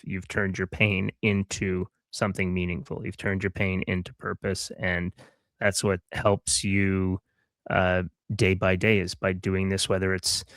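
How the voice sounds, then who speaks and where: A man's voice: sits low, a bit bright, dry recording. A man hosting an interview podcast, speaking in a supportive, reflective way and often repeating his phrases. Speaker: podcast host. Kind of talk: casual interview talk.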